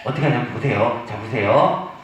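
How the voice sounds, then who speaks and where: A man leading older women through an arm-swinging game, coaxing them along and counting out loud. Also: mid-range voice, brisk, very echoey, far from the mic, highs cut off, soft background music. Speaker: senior recreation instructor. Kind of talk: leading a seniors' movement game.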